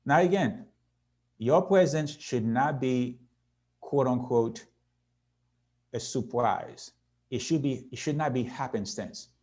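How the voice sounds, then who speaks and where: A man's voice: mid-range voice, warm tone. A man in his sixties giving a motivational conference talk to young people, earnest and often checking in with a "right?". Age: 60s. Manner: earnest, repeats "right?" to the audience. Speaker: conference speaker. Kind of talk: motivational presentation.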